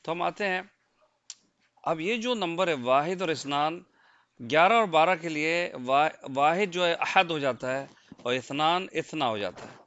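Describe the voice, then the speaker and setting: A man with a Pakistani Urdu accent teaches from slides, counting through numbers patiently and checking in with his listeners. His voice is smooth and resonant and sits a little high. The recording is dry and somewhat muffled, lacking crisp highs. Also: a bit bright, dry recording. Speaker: language teacher. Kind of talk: slide-based language lesson. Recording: dull, lo-fi dry close mic.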